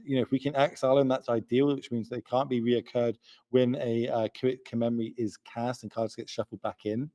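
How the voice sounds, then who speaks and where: A man's voice: medium pitch, dark tone. A young man commentating a live card game tournament late at night, joking and chatty, sounding tired. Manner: chatty, joking, quick asides.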